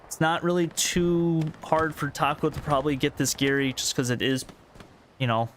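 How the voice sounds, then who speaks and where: A man casting a competitive video game match play-by-play, tired and a little out of breath, talking quickly and getting excited at big plays. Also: fairly high pitch, slight background noise. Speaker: esports caster. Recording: game gunfire and artillery behind.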